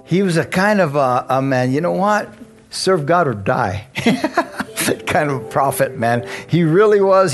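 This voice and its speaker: A male pastor preaching a sermon, chatting with the congregation, chuckling and asking them questions as he reads scripture. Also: a little high.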